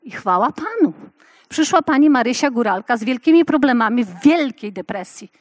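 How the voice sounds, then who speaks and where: Woman preacher, fifties, high voice, dry close sound, passionate sermon, loud then hushed. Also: big pitch swings, moderate pace, no echo. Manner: passionate, swings from loud exclamations to hushed storytelling. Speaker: preacher at a women's meeting.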